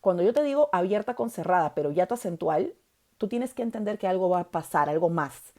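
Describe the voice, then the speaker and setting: A woman's voice: lowish voice, animated, fairly quick, a little mellow. A woman teaching a grammar lesson, stressing key words and often checking in with the listener.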